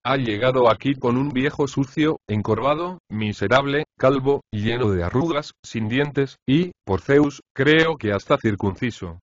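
A man's voice: medium pitch, a little slow, hardly any pauses, no echo, dull audio, close to an everyday voice. A man voicing a brash, mocking male house slave in an audiobook of a comic play. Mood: taunting. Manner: cheeky, taunting.

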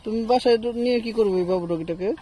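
A man, gently coaxing and soothing a small child in simple, repeated phrases while outdoors in rural fields. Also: sits high, fast talker. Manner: coaxing, gentle, repetitive baby talk to a toddler. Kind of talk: casual family vlog.

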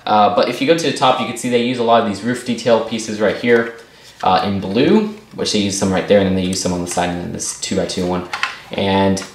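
A man giving a casual, upbeat toy set review, rambling with lots of fillers and small restarts. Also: lowish voice. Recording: roomy echo.

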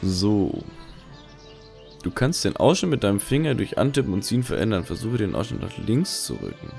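A man hosts a casual let's play, muttering questions to himself. His lowish, creaky voice jumps around in pitch, with faint music behind. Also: big pitch swings, moderate pace, a little mellow. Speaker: gaming video host.

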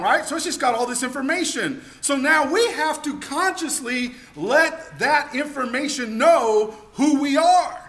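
A man in his forties giving an energetic keynote-style seminar talk to an audience in a meeting room, with emphatic delivery and many rhetorical questions, on a lapel mic. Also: very high voice. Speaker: keynote speaker.

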